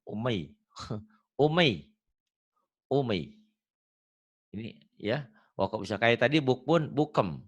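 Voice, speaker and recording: A man's voice: mid-range voice, animated, slow pace, pauses often, husky. A man teaching Quran reading in an online lesson, patient and joking, repeating words for a student to copy. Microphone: video call.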